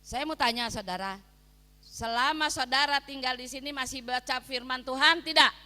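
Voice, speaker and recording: A woman pastor preaching a sermon, swinging between soft asides and loud, emphatic calls to her listeners. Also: high voice, moderate pace. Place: prison hall, preaching to inmates. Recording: long hall reverb.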